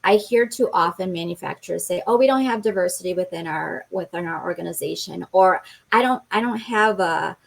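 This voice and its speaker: A woman from Colombia, raised in the US Midwest, explaining her ideas earnestly and in a measured way as a guest on a live video interview. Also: fairly low pitch, creaky. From born in Colombia, raised in the US Midwest. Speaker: guest, diversity specialist at a manufacturing extension partnership.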